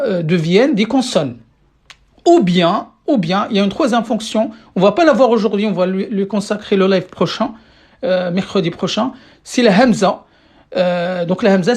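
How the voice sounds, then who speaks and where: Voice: mid-range voice, darkish tone. Patient language teacher on a live stream, keeps checking in with questions, talks into a phone or computer mic. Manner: keeps asking the class questions and checking understanding; repeats words while searching for phrasing. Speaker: Arabic teacher. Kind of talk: live online lesson.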